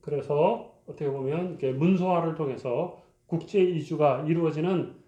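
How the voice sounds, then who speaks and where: A man's voice: a little high, moderate pace, mellow, echoey room, lo-fi sound. A male lecturer explaining a university course topic, posing rhetorical questions to his students and talking with frequent fillers.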